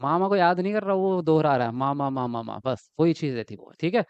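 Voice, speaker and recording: A man teaching an exam-prep class online, lively and repetitive, often checking whether his students follow. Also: fairly high pitch, fast, clear, resonant tone, dry recording, highs cut off. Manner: lively, repeats words and asks students if they follow.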